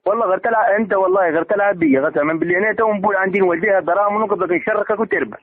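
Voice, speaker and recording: An Algerian man argues over the phone in a high voice, firing off words extremely fast. He sounds exasperated and pushy, and the line is thin and tinny. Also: steady tone, dry recording. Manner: exasperated, insistent, combative. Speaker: caller demanding repayment of a debt. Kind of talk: heated argument over the phone. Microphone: telephone.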